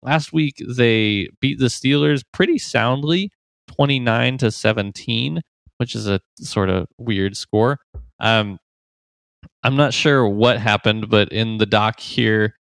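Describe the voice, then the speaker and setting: A man's voice: mid-range voice, creaky, dry recording. A man co-hosting a podcast, chatting casually about football and betting lines, running through stats with easy laughs. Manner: chatty, laughs easily, quick stats rundown. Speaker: podcast co-host. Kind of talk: casual sports betting chat.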